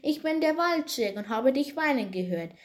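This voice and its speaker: A woman's voice: lively intonation, moderate pace. A woman voicing a small, friendly male forest dwarf in a storybook tale. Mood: kindly. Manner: kindly, high voice.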